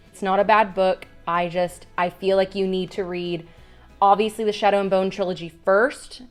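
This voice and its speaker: Chatty woman reviewing books over soft music. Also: mid-range voice. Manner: chatty, self-correcting, with quick asides. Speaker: booktuber. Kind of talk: casual book review vlog.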